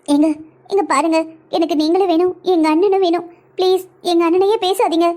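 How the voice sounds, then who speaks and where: A woman speaks in a very high voice at a fast pace. She pleads and argues in a cartoon family drama. Her delivery is emotional and insistent. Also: steady tone, dark tone. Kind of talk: Tamil cartoon voice acting.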